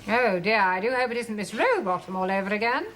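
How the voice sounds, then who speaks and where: An actress playing a prim middle-aged English headmistress with a crisp, dry, proper way of speaking. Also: female voice, medium pitch, lively intonation, a little fast, fairly bright tone, slight background noise, close to an everyday voice.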